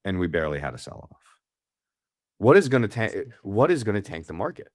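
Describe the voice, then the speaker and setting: A man's voice: fairly low pitch, big pitch swings, a little fast, no room sound, studio quality. A man co-hosting a podcast in casual chat, talking with enthusiasm and repeating words as he starts his thoughts. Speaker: podcast co-host.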